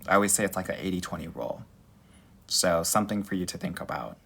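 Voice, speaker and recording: A young dating coach from Southern California runs a live Q&A, reading viewer comments into his phone and calling listeners girl and honey. His slightly low voice is gravelly, slightly rough, and a bit bright, and he talks quickly with sass, energy, and animation.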